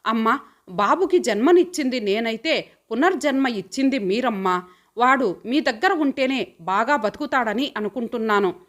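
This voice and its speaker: A woman's voice: a little high, lively intonation, normal speed, close to an everyday voice. A woman reading the part of a poor, devoted young mother in an audio story, speaking in a heartfelt, pleading way.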